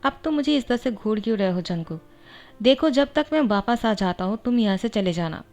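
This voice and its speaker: A woman's voice: on the high side, animated, fairly quick, creaky, a little mellow. A woman voicing a weary, curt young male doctor in a storybook-style reading.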